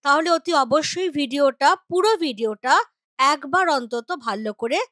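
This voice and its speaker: Woman teacher from West Bengal, high voice, dry close sound, patient lesson delivery. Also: lively intonation, moderate pace, pushed and bright, dry recording. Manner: patient, explains with spoken examples. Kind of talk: grammar lesson explanation.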